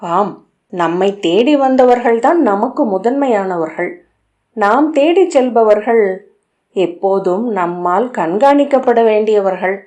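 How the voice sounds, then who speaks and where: A woman reading the lines of a proud, calculating queen in an audiobook, in a measured, commanding way. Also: mid-range voice, expressive, darkish tone, natural voice. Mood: cool, commanding.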